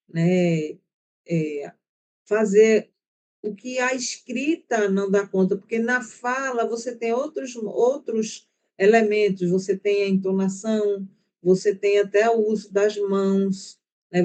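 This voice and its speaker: A woman with a Brazilian accent teaches an online class in a chatty, explanatory way. Her voice sits a little high, and she keeps checking that her students are following. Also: a little mellow. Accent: Brazilian Portuguese. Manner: chatty, explains at length with frequent "né?" and "tá?".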